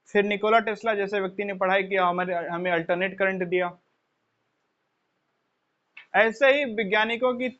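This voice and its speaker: High-voiced man lecturing with rhetorical questions. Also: a bit bright. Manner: asks rhetorical questions and answers them himself; addresses listeners as children. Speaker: teacher. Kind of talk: motivational classroom lecture. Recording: dull lo-fi recording.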